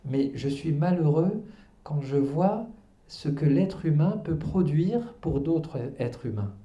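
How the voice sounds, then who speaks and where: A man's voice: on the high side, lively intonation, slow, reverberant, highs cut off. A man in his fifties, born in Algeria and raised in Paris, speaking earnestly as the guest at a public book talk, with many hesitations and restarts. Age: 50s. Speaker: author and guest. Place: cultural centre hall.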